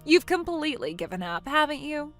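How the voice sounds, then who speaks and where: A woman's voice: high voice, sing-song, fairly quick, soft background music. A woman in her twenties voicing a smug, spiteful younger sister who mocks and laughs at others, in a voiced text-message story. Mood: mocking. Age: 20s.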